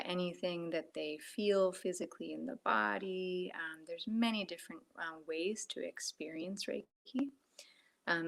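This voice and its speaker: A woman Reiki practitioner talking casually on a phone video call from home, soft-spoken with lots of fillers, sometimes dropping to a whisper. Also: on the low side, gravelly.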